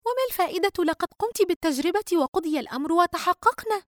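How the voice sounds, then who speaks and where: A bewildered young woman friend voiced by a woman reader, pitched up high and sounding worried and breathless. The audiobook reading is close and dry. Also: expressive, fast, no room sound. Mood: anxious.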